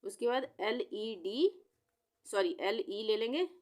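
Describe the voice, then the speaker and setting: A woman's voice: fairly high pitch, lively intonation, slow pace, a little mellow. A woman teacher patiently sounding out long words letter by letter in a spelling lesson.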